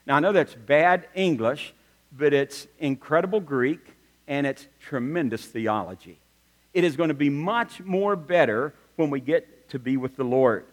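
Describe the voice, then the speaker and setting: A middle-aged male pastor delivering a sermon with a fairly high voice, moving between earnest teaching and humorous storytelling. His words ring out with a long reverb, as in a large church sanctuary. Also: measured pace. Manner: animated storytelling with humorous asides.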